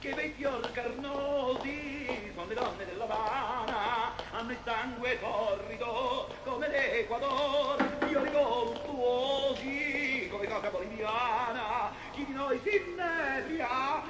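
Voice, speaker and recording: An actor playing a man crooning a love song in a slow, theatrical way, in an old film recording with music. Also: extremely high pitch, roomy sound, low-quality recording.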